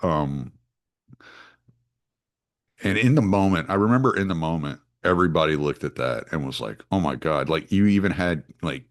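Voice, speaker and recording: Very deep-voiced man in his forties. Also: expressive, moderate pace. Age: 40s. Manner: rambling, casual, frequent restarts and fillers. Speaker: podcast host. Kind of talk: solo podcast monologue.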